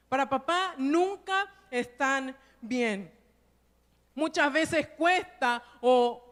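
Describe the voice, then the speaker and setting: A woman pastor delivers a Sunday sermon in a storytelling way, often tossing rhetorical questions back to her listeners. Her voice is high-pitched and carries a long, ringing church reverb. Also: a bit bright.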